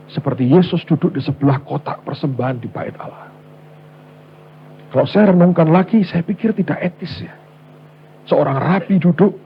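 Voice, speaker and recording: A male pastor preaching a sermon in a storytelling way, going from loud to hushed. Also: on the high side, a little hiss or hum. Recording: dull lo-fi sermon recording.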